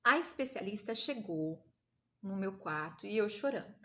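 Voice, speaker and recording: A woman from Brazil hosting a live stream, telling a personal story to her viewers with emotional, animated retellings. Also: medium pitch, moderate pace.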